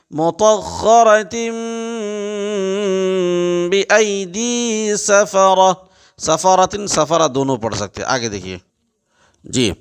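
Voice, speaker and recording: A male Quran recitation teacher with a smooth, resonant voice pitched a little high. He works methodically, spelling out each letter and vowel mark, then chants the word before explaining it in a plain speaking voice. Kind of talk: recitation lesson.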